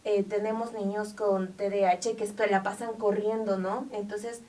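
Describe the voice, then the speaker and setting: A woman talks with heartfelt emphasis as an interview guest, often pausing on fillers. Her voice sits in a middle register and sounds set back from the microphone, picking up some of the room. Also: medium pitch, little pitch movement, dark tone, distant mic. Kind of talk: earnest interview talk.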